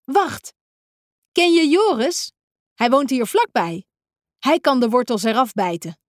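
A woman doing a cheerful male friend from a children's storybook, eager and chatty. His voice leaps around in pitch and sounds clean and close. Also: animated, unhurried, no room sound.

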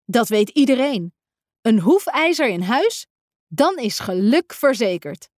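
A woman's voice: measured pace, dry recording, studio quality. A woman doing a fussy, grumbling storybook fellow. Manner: grumbling, a bit high and excited.

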